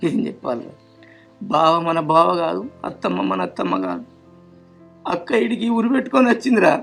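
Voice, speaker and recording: A man's voice: on the high side, huge pitch swings, brisk, vocal fry, a bit bright, faint music behind, full character voice. An actor with a Telangana Telugu accent playing a grieving older father who laments at length. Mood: lamenting. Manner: pleading, lamenting in long rural laments. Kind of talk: family web drama acting.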